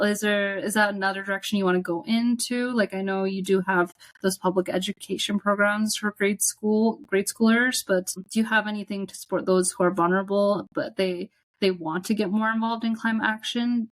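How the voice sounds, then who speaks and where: A woman's voice: mid-range voice, no echo. A woman from Calgary, hosting an interview and asking long, winding questions full of fillers. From Calgary, Canada. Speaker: interviewer, docuseries host.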